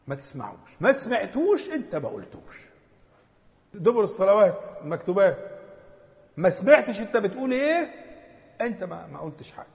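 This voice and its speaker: An Egyptian man teaches a religious lesson in a big hall, and his voice rings with long reverb. His pitch sits a little high and jumps around a lot, with a gravelly edge. He speaks with emphasis and often stumbles into restarts. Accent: Egyptian Arabic. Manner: lively and emphatic, with many stammered restarts.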